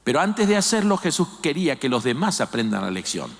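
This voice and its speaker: Animated older pastor preaching in reverberant church. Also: male voice, a little high, a little fast, gravelly. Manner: animated preaching, acts out quoted voices. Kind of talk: sermon. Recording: long hall reverb.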